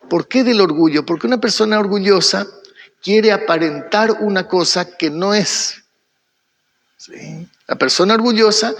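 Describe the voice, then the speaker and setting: A man's voice: high voice, creaky, fairly bright tone. A man with an Argentine accent teaching a church Bible study, who asks questions, answers them himself and keeps checking in with his listeners. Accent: Argentine Spanish. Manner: keeps checking in with the audience by asking "¿sí?". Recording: long echoing hall reverb.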